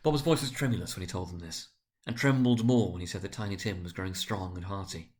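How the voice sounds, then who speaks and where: A man narrating a classic story as a dramatic reading, in an expressive, theatrical manner. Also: low voice, fast.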